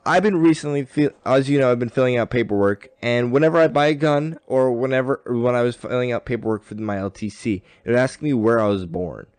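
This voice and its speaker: A man's voice: mid-range voice, fast, hardly any pauses, a little mellow, clean tone, no room sound. A young man in casual group chat, ranting with exasperated swearing and joking with friends. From New York.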